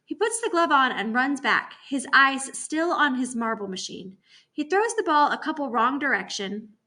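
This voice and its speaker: Woman teacher, storybook read-aloud, bright tone, fairly high, expressive. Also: normal speed. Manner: expressive, voices the dialogue. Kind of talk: reading a novel aloud.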